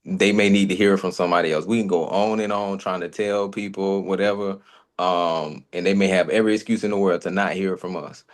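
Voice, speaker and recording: Man, very low voice, casual podcast co-host, friendly, circles back over his points. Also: steady tone, brisk. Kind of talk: casual conversation.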